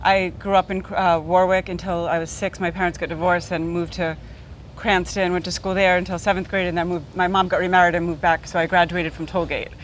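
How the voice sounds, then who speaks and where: A woman's voice: lowish voice, flat delivery, fairly quick, a little hiss or hum, poor audio. A woman from Rhode Island, a fashion designer, chatting casually and agreeably as a talk show guest. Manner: easygoing, agreeable, many yeahs. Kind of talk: casual interview chat.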